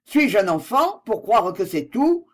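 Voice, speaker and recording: A man's voice: high voice, sing-song, unhurried, full character voice. A reader voicing a bitter, jealous man in an audiobook, speaking sharply and sarcastically in a raised, strained voice. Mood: angry. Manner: sharp, sarcastic and pleading by turns. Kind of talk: audiobook dialogue reading.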